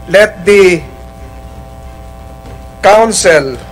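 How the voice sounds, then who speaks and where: Slow, formal committee chair. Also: male voice, high-pitched, lively intonation, slight background noise, poor audio. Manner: measured, formal, with frequent hesitations. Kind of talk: formal hearing proceedings. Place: legislative hearing room.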